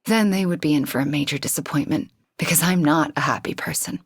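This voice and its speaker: An actress playing a powerful, guilt-haunted young witch superheroine in a video game, guarded yet tender, with a breathy, husky, measured delivery that often becomes hushed. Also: sits low, no room sound, clean studio sound. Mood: wry, guarded. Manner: measured, intimate, often dropping to a hushed near-whisper. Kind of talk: video game character voice lines.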